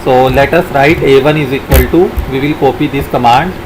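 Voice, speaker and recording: A man narrating a software tutorial as an instructor, haltingly dictating code and formulas piece by piece. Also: mid-range voice, background noise.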